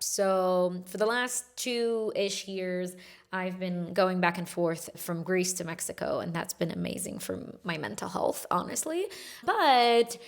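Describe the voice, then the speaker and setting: Chatty woman hosting a podcast. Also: on the low side. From Egypt, raised in Kuwait. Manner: chatty, fast-talking with lively emphasis. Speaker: podcast host. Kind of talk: solo podcast talk.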